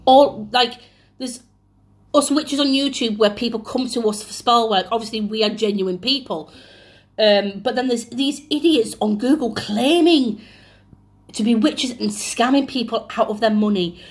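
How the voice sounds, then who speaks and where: A woman's voice: fairly high pitch, a little slow. A woman who works as a witch, ranting indignantly in a vlog, swearing bluntly and using frequent ums. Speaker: self-described witch offering spell work. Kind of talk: angry vlog rant.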